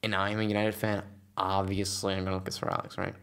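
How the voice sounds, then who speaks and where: A man's voice: sits low, fast talker, clean tone. A young man, a youth football coach chatting casually with hesitant restarts. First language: Norwegian. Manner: relaxed, hesitant, with stammered restarts. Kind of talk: casual chat.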